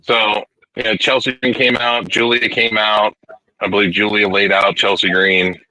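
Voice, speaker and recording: A man in his forties in casual wrestling chat, blunt and a bit halting as he starts his points. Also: lowish voice, level tone, sharp tone, no room sound, rough recording. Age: 40s. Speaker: podcast co-host.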